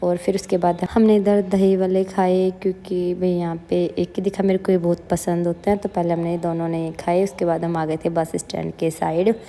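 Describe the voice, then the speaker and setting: A woman's voice: on the low side, little pitch movement, normal speed, hardly any pauses, warm tone. A young woman telling viewers about a trip in a chatty, casual vlog narration. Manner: chatty, addresses viewers as guys. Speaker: vlogger.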